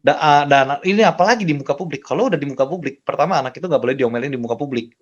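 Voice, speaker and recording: A man's voice: a little high, rapid-fire, lo-fi sound. A man explaining things in a casual, slangy chat, often tossing in rhetorical tag questions. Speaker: guest explaining parenting.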